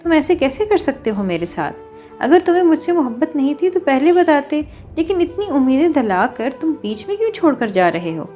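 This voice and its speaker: A heartbroken young woman in tears from an audio novel, as a woman reader voices her. Her voice sits somewhat high and sounds tearful and pleading. Faint music plays behind. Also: lively intonation, dark tone, close to an everyday voice. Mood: hurt angry. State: crying.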